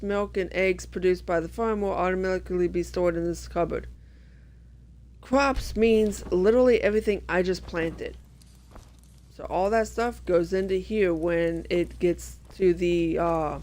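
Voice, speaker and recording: A man's voice: sits high, darkish tone, slight background noise. A man giving casual, rambling let's-play commentary, often stopping to correct himself. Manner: rambling, self-correcting, many fillers. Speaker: gameplay commentator.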